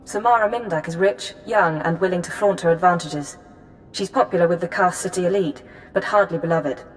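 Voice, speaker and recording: A woman's voice: on the low side, fairly quick, soft background music, lightly acted, poor audio. An actress playing an efficient intelligence handler, clipped and businesslike as she briefs. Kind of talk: scripted game dialogue.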